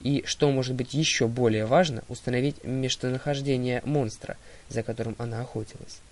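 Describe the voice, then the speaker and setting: A man playing a calm wise old centaur. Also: mid-range voice, brisk, lightly acted. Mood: measured.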